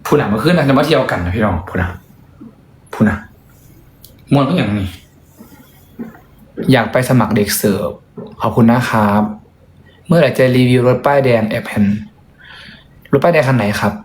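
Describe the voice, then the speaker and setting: A young man chats away in a casual vlog, joking and poking fun at himself. His voice sits at a middling pitch and echoes around a roomy hotel room. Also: expressive, moderate pace, long pauses, a little hiss or hum. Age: young adult. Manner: chatty, joking, self-deprecating. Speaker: vlogger and singer.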